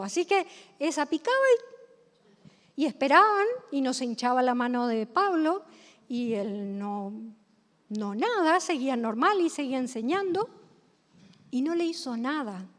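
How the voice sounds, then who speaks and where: A high-voiced woman with a Rioplatense accent preaches a sermon in a church hall. She tells stories and asks the congregation questions. Her voice rings with a long hall reverb. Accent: Rioplatense Spanish.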